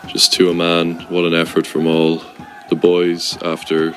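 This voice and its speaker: A man with a west of Ireland accent gives an informal football fan's match reaction, pausing often mid-thought. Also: deep voice, monotone. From Sligo, west of Ireland. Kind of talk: informal spoken match review.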